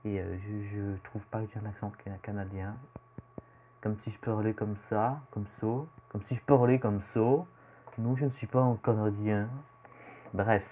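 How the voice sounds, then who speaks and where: In a relaxed vlog introducing himself, a teenage youtuber from Belgium fields questions about his life, speaking with a Belgian French accent. He's hesitant and meandering, full of filler words, in a lowish, warm voice with a level tone and an unhurried pace. There's a little background noise.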